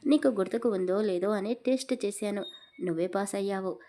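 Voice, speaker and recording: A woman voicing a tender young husband in an audio story, in her own mellow voice. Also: mid-range voice, fairly quick, close to an everyday voice. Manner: soft, reassuring.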